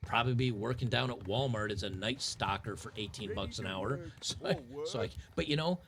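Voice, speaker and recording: A man's voice: fairly low pitch, brisk, crowd noise. A man, ranting in a frustrated, sarcastic, rambling way. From Tennessee, USA. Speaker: commentator. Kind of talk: ranting commentary.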